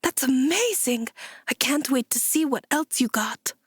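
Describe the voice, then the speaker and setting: A woman voicing an eager, excitable young fox girl archer in an audiobook. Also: high voice, a little slow, breathy edge, dry recording, studio quality, exaggerated voice. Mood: excited. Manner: bubbly and excitable. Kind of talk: audiobook character voice.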